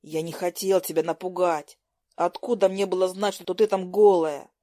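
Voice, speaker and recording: A woman voicing a cocky, teasing teenage boy who talks low and sly. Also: steady tone, moderate pace, mellow, dry recording, clean studio sound, close to an everyday voice. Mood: sly, defensive.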